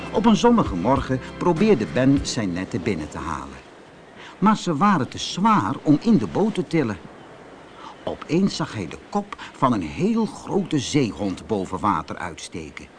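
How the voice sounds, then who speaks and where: A man from the Netherlands reading a fairy tale aloud in an expressive, measured storytelling manner. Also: mid-range voice.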